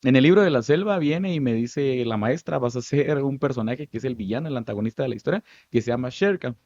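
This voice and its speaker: A Guatemalan man in his thirties, a stage actor, telling lively stories from his life in an interview, with a Guatemalan Spanish accent. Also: mid-range voice, quick pace, dry recording, muffled recording. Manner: animated, lively storytelling with many asides. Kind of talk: storytelling interview answers.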